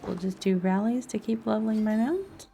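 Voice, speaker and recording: A woman streamer offers casual live gameplay commentary, talking to herself as she plays. Her voice is medium-pitched, gravelly, and warm, at a moderate pace. Behind her are background music and game sounds.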